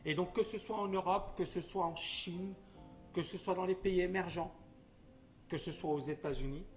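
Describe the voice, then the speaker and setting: A man's voice: high voice, fairly even intonation, normal speed, soft background music. French man teaching viewers live. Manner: quizzes viewers, explains in plain terms. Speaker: investment educator, host.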